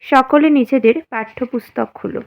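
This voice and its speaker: A woman teacher with a slightly high voice talks through a lesson at a slow, careful pace. She is feeling a little unwell, and she keeps asking the class questions and then answering them herself. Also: creaky, lo-fi sound. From West Bengal, India. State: feeling unwell, speaking slowly. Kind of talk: slow, simple classroom explanation.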